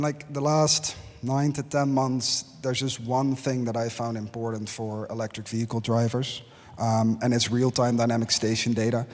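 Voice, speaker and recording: A man's voice: mid-range voice, darkish tone. Panel guy making his point hard, mid voice, big hall echo. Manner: direct, emphatic repetition. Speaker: panelist, company CEO. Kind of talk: panel answers. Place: large conference hall. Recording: conference hall reverb.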